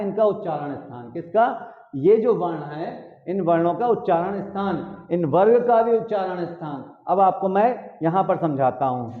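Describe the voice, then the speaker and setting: A man teaching a lesson to children, asking questions and answering them himself in a repetitive call-and-response style. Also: sits high. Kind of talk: classroom lesson on Hindi consonants. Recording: echoey room, tinny phone-like audio.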